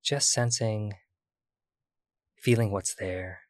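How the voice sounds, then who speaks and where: A man guiding a body-scan meditation, speaking slowly and soothingly with long pauses. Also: fairly low pitch, steady tone, dry recording, studio quality. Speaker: meditation guide.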